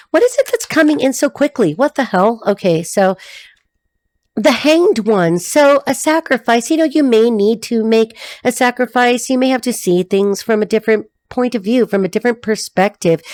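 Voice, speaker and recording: A woman's voice: fairly high pitch, a little mellow, dry recording. A middle-aged woman giving a casual, rambling tarot reading to camera, laughing often as she talks. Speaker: tarot reader.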